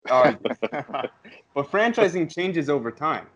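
A man's voice: a little high, very animated, slow, fairly bright tone, rough recording. A man chatting casually and explaining his ideas in a reflective way. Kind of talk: casual conversation.

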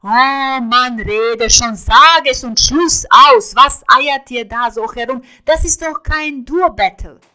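Hotheaded young male musician, read by a woman; loud, agitated, high-pitched. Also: takes it slowly, hardly any pauses, clear, resonant tone, heavily acted, poor audio. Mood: impatient.

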